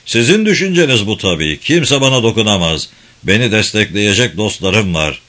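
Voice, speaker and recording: A man's voice: lowish voice, very animated, moderate pace, sharp tone. A man reading the lines of a hot-tempered casino boss who blusters angrily. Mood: resentful, threatening. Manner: angry and blustering.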